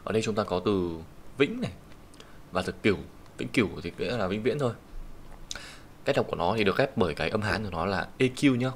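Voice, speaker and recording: A man with a Vietnamese accent teaching Japanese kanji in an online lesson, patiently explaining each reading and saying the Japanese example sentences slowly. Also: on the low side, expressive. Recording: faint background hiss and keyboard typing.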